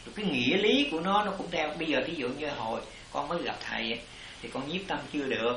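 A man speaks as a Buddhist teacher, his tone bright and forward. He explains in loose, repetitive sentences. The room adds a noticeable echo. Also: a little high, expressive, quick pace, slight background noise. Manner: rambling explanations, repeats "it" constantly. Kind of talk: dharma talk answering disciples.

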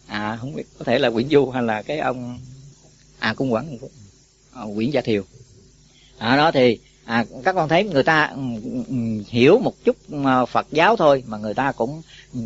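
Monk giving a dharma talk. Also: male voice, medium pitch, fairly bright tone, husky. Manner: folksy, asks listeners questions. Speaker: Buddhist monk teacher. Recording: dull lo-fi recording.

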